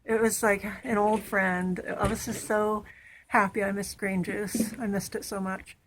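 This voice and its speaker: A woman's voice: mid-range voice, level tone, unhurried, a bit bright, a little hiss or hum. A young woman chatting casually in a home vlog, upbeat and rambling. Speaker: vlogger. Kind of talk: casual chat.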